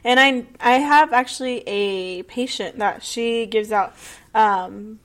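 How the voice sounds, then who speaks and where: A young adult woman co-hosting a podcast, speaking in a relaxed, hesitant way with many "um"s. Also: on the high side, takes it slowly. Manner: relaxed, hesitant, frequent "um" fillers. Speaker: podcast co-host. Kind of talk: casual chat.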